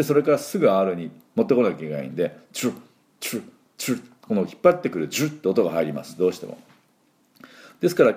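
A man with a low, gravelly voice teaches English pronunciation, sounding out each syllable for his listeners to repeat. His tone is dark and mellow, and his pitch swings widely as he demonstrates the sounds. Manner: drills sounds aloud, has listeners repeat after him; chatty and encouraging, with filler words. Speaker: English school principal and teacher.

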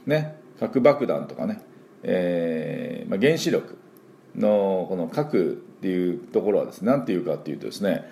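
A man's voice: low-pitched, big pitch swings, normal speed, vocal fry, warm tone, slight background noise. A man, an English teacher and school principal, giving a casual spoken radio lesson, chatty with many fillers and modeling pronunciation aloud.

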